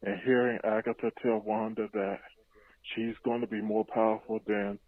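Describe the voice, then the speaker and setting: A man's voice: fairly low pitch, flat delivery, normal speed. A man leaving a casual, laid-back voicemail for a podcast, giving hyped reactions to a show. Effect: played voicemail over phone line. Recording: tinny, dry phone-line voicemail.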